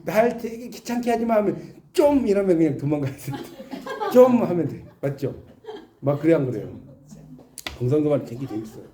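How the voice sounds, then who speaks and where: A man's voice: a little high, expressive, normal speed, mellow. Chatty man lecturing in an echoey classroom. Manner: chatty, explains with examples and asks the class questions.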